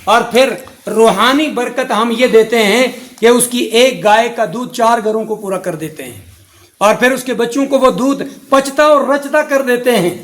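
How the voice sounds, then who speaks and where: A man's voice: very high voice, a bit bright. A middle-aged man giving a religious sermon as a mufti, preaching in rhythmic, repetitive lists.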